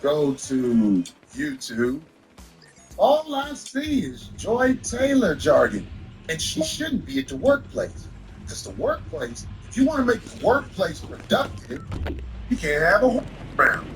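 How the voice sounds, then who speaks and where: A man's voice: high-pitched, wildly swooping pitch, unhurried, faint music behind, rough recording. A man ranting casually, blunt and opinionated, arguing his point.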